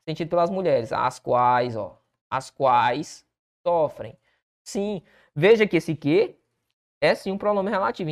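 A Brazilian man teaching Portuguese for an exam, working through test questions and answering his own rhetorical questions. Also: sits high. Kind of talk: exam-prep lesson walking through questions.

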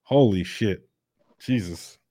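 A man hosting a podcast in casual commentary, blunt and profane, breaking into loud laughter. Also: lowish voice, slow, dry recording, studio quality. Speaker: podcast host.

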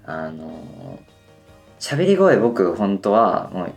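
Low-voiced young man rambling with fillers. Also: big pitch swings, creaky, faint music behind. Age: 20s. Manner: rambling and hesitant, full of fillers; deliberately pushing his voice higher than usual. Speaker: band member hosting a solo radio talk. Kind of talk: casual solo radio monologue.

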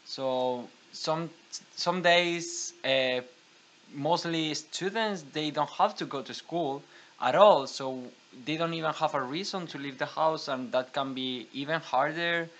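A man's voice: a little high, unhurried, fairly bright tone. A man hosts a casual podcast, introducing guests and asking questions in a conversational way. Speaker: podcast host.

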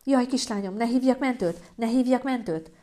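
A woman voicing a panicked middle-aged mother who fusses frantically over her daughter, in a shrill voice. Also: lively intonation, warm tone, a little hiss or hum, natural voice. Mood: frantic.

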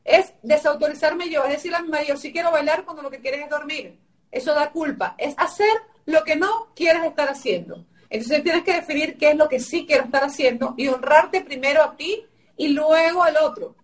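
A woman's voice: high voice, moderate pace, far from the mic. A woman giving emphatic, repetitive advice on a live stream, her voice tired and sore-throated. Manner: emphatic, repetitive teaching phrasing. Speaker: guest coach.

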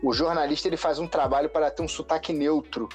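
A man's voice: on the high side, fairly even intonation, fast, soft background music. A man with a Carioca accent hosting a podcast, chatting casually and easing into personal anecdotes. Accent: Carioca Portuguese. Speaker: podcast host.

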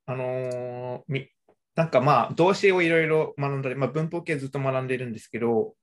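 Relaxed young adult chatting casually. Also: mid-range voice, fairly quick. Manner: relaxed, hesitant, many fillers and restarts. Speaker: conversation partner. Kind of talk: casual chat.

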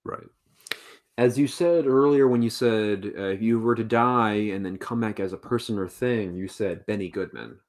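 A man co-hosting a casual podcast interview asks easygoing follow-up questions and often responds with short agreements. His voice is fairly low in pitch and he speaks at a moderate pace.

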